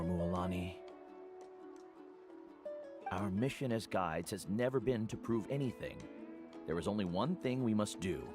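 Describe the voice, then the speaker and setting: A solemn, low-voiced older mentor. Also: male voice. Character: older male mentor guide, solemn, gentle, protective. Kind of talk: video game voice acting.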